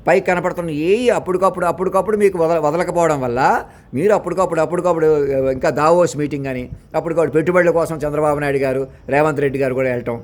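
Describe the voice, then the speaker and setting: A man delivers a rambling spiritual monologue at a rapid clip. His voice sits a little high. He is insistent and preachy, scolds his listeners, and keeps repeating phrases and restarting half-finished words. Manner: fast, insistent, repetitive, with many restarts. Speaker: self-styled spiritual preacher.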